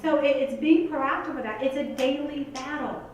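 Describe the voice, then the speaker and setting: An earnest woman delivers a motivational talk in a chatty, direct way. Her fairly high voice carries through a big, echoey hall and is picked up from a distance. A faint room hum sits under it. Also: moderate pace. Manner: earnest, conversational, heavy use of "like" and "you guys". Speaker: motivational speaker. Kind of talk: motivational talk to a live audience.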